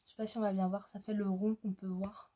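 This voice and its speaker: A woman chatting casually as she shows off her crafting haul, pausing often and searching for words. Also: mid-range voice, flat delivery, mellow. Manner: slow, hesitant, many fillers. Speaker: crafting vlogger. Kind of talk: casual haul show-and-tell.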